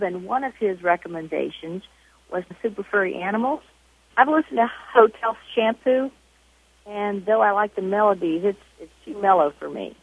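A woman's voice: mid-range voice, husky, no room sound. A woman in her sixties leaving a voicemail message as a caller to a show. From Charleston, South Carolina. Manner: chatty, casual listener message. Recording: dry, tinny phone line.

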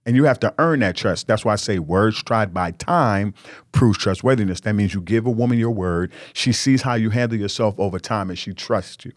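Earnest low-voiced man giving marriage advice. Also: normal speed, no echo, clean studio sound. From New York. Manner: earnest, preachy and candid, with repeated emphatic words. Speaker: podcast host.

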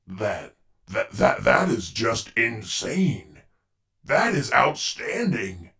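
A man with a medium-pitched, gravelly voice and a sharp tone plays a podcast announcer in a scripted comedy style, recorded on a distant mic. He speaks in a sing-song way, drawing out his words, with a pompous, bombastic, theatrical, exasperated showman delivery.

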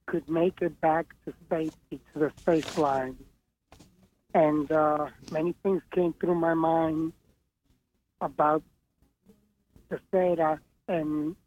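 A man speaking as a guest on a radio interview over a muffled phone line, holding the phone away from his mouth, recalling events in a halting, reflective way. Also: a little high, darkish tone. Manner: halting, reflective, with many pauses and fillers. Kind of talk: recounting a memory in a radio interview.

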